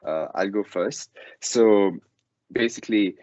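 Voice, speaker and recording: A man's voice: on the low side, slow, darkish tone, no room sound. A teenage boy from Dubai, a student guest, speaking politely with many "you know"s. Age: teens. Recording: dry lo-fi call audio.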